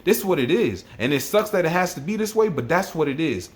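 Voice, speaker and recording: A man's voice: on the high side, sing-song, fast talker. A man telling a personal story as a vlogger, emotional and worked up, often repeating himself. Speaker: army NCO vlogger.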